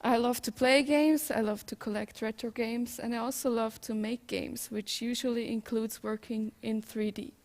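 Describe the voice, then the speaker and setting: A woman with a fairly high voice and a Swiss German accent presents at a tech conference. She speaks informally, addressing listeners as a developer explaining her work. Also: fairly even intonation, moderate pace, hardly any pauses, darkish tone. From Switzerland.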